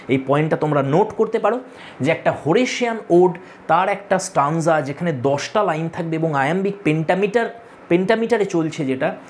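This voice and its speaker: A man's voice: on the high side, a little hiss or hum. Man tutoring, repeating key points. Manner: addresses students directly, tells them to take notes. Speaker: literature tutor. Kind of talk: online lecture to exam students.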